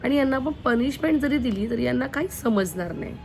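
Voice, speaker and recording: A young woman talking to her followers from her home in a casual family vlog. Her voice sits a little high, and she is chatty and direct, turning to the viewers again and again to ask for their advice. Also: animated, a little fast, creaky, a little mellow, slight background noise. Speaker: mother and family vlogger. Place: at home, indoors.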